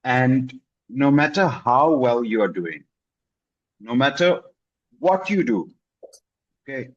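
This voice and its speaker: An English tutor with a husky, medium-pitched voice talks over a casual video call, encouraging his student and repeating himself for emphasis with "okay?" and "right?". The recording is muffled, with no room sound.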